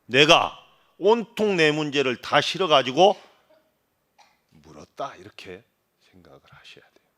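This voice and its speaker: Buddhist monk giving a lively dharma talk. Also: male voice, fairly high pitch, unhurried, pauses often. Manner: asks the audience questions, imitates regional dialects; swings between loud emphasis and quiet asides.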